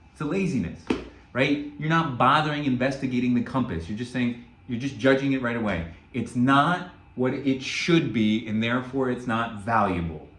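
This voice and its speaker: A man of middle pitch gives an earnest self-help lesson that drifts into storytelling and keeps asking "right?". His voice carries a noticeable room echo, as if he is speaking in a bare room. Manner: earnest, storytelling, frequent "right?" check-ins. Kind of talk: spoken motivational teaching with a story.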